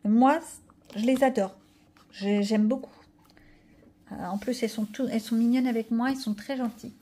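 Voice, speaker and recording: A woman's voice: a little high, fairly even intonation, normal speed, mellow, a little hiss or hum. A middle-aged woman chatting casually in a haul vlog, rambling with fillers and restarts as she shows her purchases. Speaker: coloring channel vlogger.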